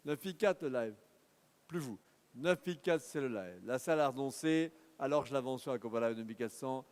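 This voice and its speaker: An auctioneer with a mid-range, animated voice rattles off bids in a rapid, rhythmic patter at a live car auction, urging bidders on. The auction hall gives his voice a long reverb.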